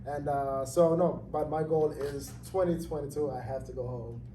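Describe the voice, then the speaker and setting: A man in his thirties, originally from Zambia, telling his story in a relaxed interview with many fillers and easy laughs. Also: fairly high pitch, moderate pace. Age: 30s. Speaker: interviewee, gym owner. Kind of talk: casual interview. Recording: roomy, distant, noisy ambience.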